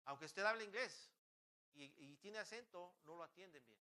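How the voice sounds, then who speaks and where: A man's voice: high-pitched, lively intonation, moderate pace, pushed and bright. A man preaching a sermon as pastor. He talks fervently, asks the congregation many rhetorical questions and often restarts his phrases. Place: church.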